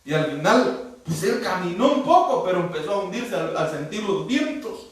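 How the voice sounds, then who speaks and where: A man's voice: sits high, big pitch swings, moderate pace. A man preaching a sermon as pastor, animatedly acting out Bible dialogue. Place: church hall. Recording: echoey church hall, distant mic.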